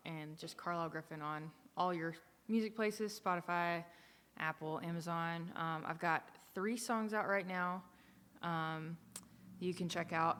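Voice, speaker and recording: A woman's voice: lowish voice, a bit bright. A woman singer chatting casually as a guest, modest and agreeable. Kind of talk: casual chat. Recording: reverberant room.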